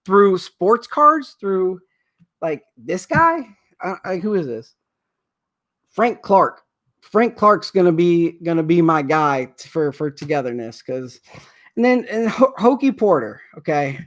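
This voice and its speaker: A man's voice: sits high, sing-song, takes it slowly, fairly bright tone. Rambling, emotional man on a livestream. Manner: rambling, emotional, repeats himself. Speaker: sports card breaker host. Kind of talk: casual livestream chat.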